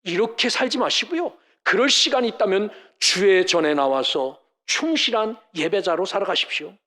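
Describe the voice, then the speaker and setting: A man's voice: high voice, animated, moderate pace, bright, forceful tone. A male pastor preaching a sermon at a church service, emphatic and full of rhetorical questions to the congregation. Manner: mimics scoffers in mocking voices.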